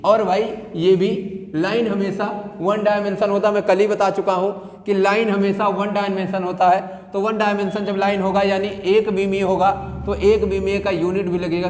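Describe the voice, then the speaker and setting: High-voiced man teaching math in echoey room. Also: a little mellow. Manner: repetitive, asks students questions. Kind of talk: math lesson. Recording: echoey room with long reverb.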